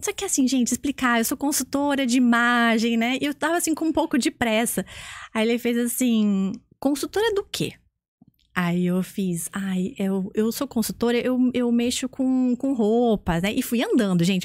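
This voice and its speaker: A woman, a guest image consultant telling a story in a casual interview, animated and laughing often. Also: fairly high pitch, brisk, no room sound, studio quality. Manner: animated, acts out quoted voices, laughs often.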